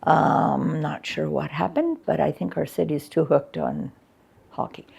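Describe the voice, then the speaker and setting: Older woman, low gravelly voice. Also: steady tone, measured pace, a little mellow. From Canada. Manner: candid and frank, chatty with many fillers. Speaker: interviewee, former arts coordinator. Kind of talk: reflective interview chat.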